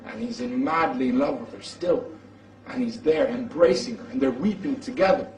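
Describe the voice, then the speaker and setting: A man's voice: medium pitch, normal speed, darkish tone. A man preaching, who tells a story with energy and acts out its dialogue. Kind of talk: sermon storytelling. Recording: echoey, from far off the mic.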